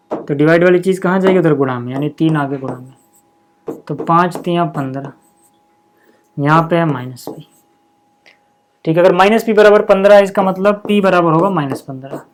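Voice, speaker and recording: A man walks through maths problems one step at a time in a relaxed, talkative teaching voice, pausing often to check that everyone is following. He keeps things informal and friendly with the viewers, like a tutor talking a class through homework. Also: a little high, slight background noise. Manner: chatty, checks in with "thik hai" after each step; addresses viewers informally as "bhai sahab" and "yaar". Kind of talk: casual step-by-step lesson.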